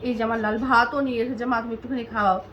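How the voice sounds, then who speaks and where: Woman, high voice, home vlog, soft coaxing tone, hesitant, shaken and on the edge of tears. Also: fairly even intonation, quick pace, muffled recording, a little hiss or hum. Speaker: mother and vlogger.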